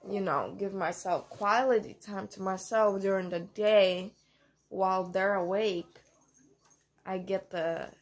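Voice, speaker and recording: A young woman vlogging about motherhood in a casual, candid way, with many fillers and pauses. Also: medium pitch. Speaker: mom vlogger. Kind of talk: casual vlog talk.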